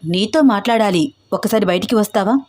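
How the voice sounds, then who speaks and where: A woman's voice: medium pitch, fairly quick, darkish tone, no room sound, natural voice. Woman voicing a cocky young suitor. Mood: musing. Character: cocky young man chasing a girl.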